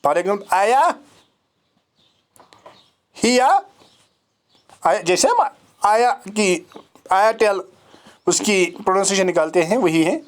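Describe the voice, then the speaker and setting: A man's voice: high-pitched, unhurried. A male teacher with a Pakistani accent giving a phonetics lesson, drawing out and repeating each vowel sound.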